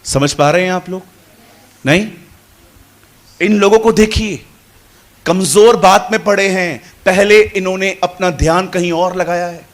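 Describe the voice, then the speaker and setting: A man preaching a sermon to a congregation, shifting between quiet asides and loud, animated calls. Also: sits high, unhurried, pauses often. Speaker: pastor. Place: church hall with congregation.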